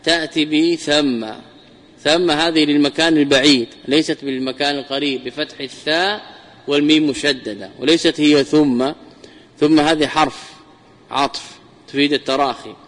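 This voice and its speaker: A man's voice: fairly high pitch, steady tone, brisk, a bit bright. Man teaching grammar in a reverberant hall. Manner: repeats key words, drawn out for emphasis. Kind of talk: classical grammar lesson.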